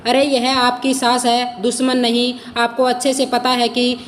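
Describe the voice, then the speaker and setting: A woman's voice: fairly high pitch, completely flat delivery, measured pace, big-room sound, a little hiss or hum, natural voice. A woman voicing a bitter, quarrelsome married daughter in a storybook reading, with a complaining, indignant manner.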